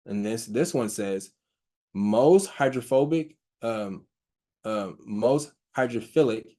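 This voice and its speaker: A man giving an informal slide talk, reading research quotes aloud and explaining them haltingly, with frequent fillers, restarts and a stutter he mentions himself. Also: mid-range voice, expressive, warm tone. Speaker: presenter on hydrogen health research.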